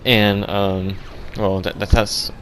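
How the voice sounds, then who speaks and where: A young man with a very low voice tells a ridiculous story in a flat, deadpan way. He rambles and stumbles, restarting his sentences often. A faint ambient hum sits behind him. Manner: rambling, halting, full of restarts and fillers. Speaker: vlogger.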